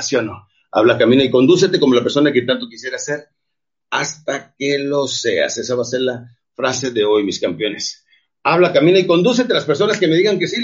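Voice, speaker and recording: A man's voice: fairly high pitch, slightly rough. A man from Mexico, giving an emphatic, preachy motivational talk to his audience. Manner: emphatic and preachy, often calls listeners "champions". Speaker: motivational speaker. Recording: dull lo-fi recording.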